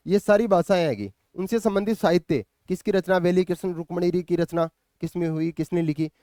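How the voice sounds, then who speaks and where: A man teaching an exam-prep lecture in a high, clear, resonant voice. He explains the syllabus patiently, pausing on fillers and asking if students follow. The sound is dry and close. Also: warm tone, no echo. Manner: explains patiently, often checks in with "ठीक है ना"; thinks aloud with hesitant fillers and restarts.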